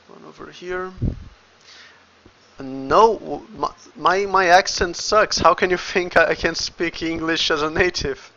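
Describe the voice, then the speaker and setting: A Brazilian game developer with a Brazilian Portuguese accent talks casually on a livestream, muttering each step to himself as he thinks aloud while working. His voice is on the high side, a little slow, pushed and bright. The recording is muffled, with a bit of hiss or hum.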